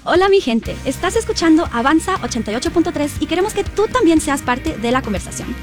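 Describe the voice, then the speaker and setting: A woman's voice: sits high, animated, fast. A woman announcer reading an upbeat, inviting station promo. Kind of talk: upbeat radio promo read. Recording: radio promo over music bed.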